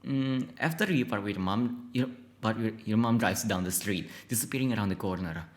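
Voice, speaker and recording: A man streaming a text horror game, reading its narration aloud and reacting excitedly, swearing and stumbling over words. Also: on the low side, brisk.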